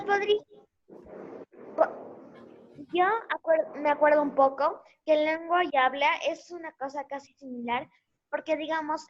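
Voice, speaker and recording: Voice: high-pitched, a bit bright. A child student answering the teacher in an online class over a video call. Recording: dull lo-fi call audio.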